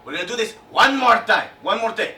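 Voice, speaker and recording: A man's voice: sits high, expressive, fast, pushed and bright, heavily acted. An actor playing a harried, bossy commercial director in a comedy sketch, urgent and pleading as he gives orders. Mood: commanding. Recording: roomy, distant mic, faint noise.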